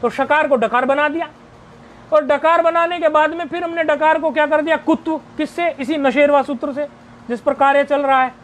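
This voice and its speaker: A very high, steady-toned male voice walks through Sanskrit grammar in a recorded video lesson. He explains each step, raises questions only to answer them, and lists word forms slowly.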